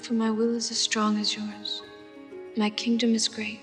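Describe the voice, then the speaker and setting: An actress plays a dramatic teenage girl reciting heroine lines with theatrical flair. Her voice sits fairly high, with faint music underneath. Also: monotone, a little slow, close to an everyday voice.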